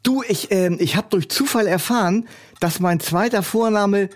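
A man's voice: high voice, normal speed. A man trading absurd comedy banter in a hesitant, stammering, fussy way. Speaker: comedy duo partner.

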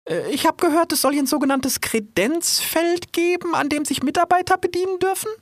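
A woman's voice: extremely high pitch, expressive, fairly quick, no room sound, studio quality. A woman playing a polite little mouse. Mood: earnest. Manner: very polite, formal and eager. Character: polite, chatty female mouse surveyor. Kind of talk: audio drama acting.

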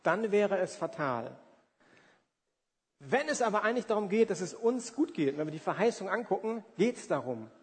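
In a reverberant hall, a high-pitched man in his forties delivers a sermon at a moderate pace, his pitch swinging widely. He preaches conversationally and emphatically, drawing on everyday examples, rhetorical questions and acted-out asides.

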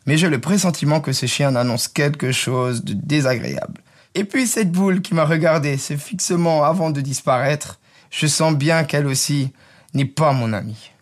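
Man doing a curious newborn snowman, raised voice, gentle and puzzled, storybook. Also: fairly high pitch, normal speed, lightly acted. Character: naive newborn male snowman, curious and wondering.

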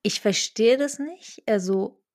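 A woman's voice: on the high side, slow pace, darkish tone. A woman in casual conversation who speaks hesitantly, thinking aloud with many fillers.

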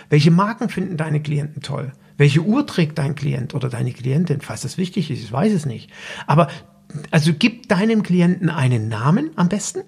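A man's voice: fairly high pitch, vocal fry, a little mellow, slightly rough. A man hosting a solo coaching podcast, giving direct, instructive advice straight to the listener in a loose, unscripted way. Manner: loose, with fillers and restarts. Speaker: business coach and podcast host.

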